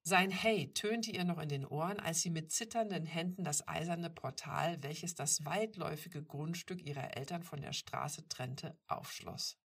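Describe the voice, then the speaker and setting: A woman reading a novel aloud in calm, even scripted narration. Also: sits low, a little slow, hardly any pauses, husky, recorded from a distance. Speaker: audiobook reader.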